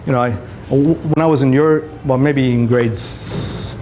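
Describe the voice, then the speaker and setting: Here the photographer's voice sits at medium pitch, steady and darkish, at an ordinary pace. Born in Greece and a native Greek speaker, he relocated to Canada at twelve and now chats with a classroom of students on career day, sharing anecdotes and tossing in tag questions to motivate them. Hiss and room noise fill the indoor recording.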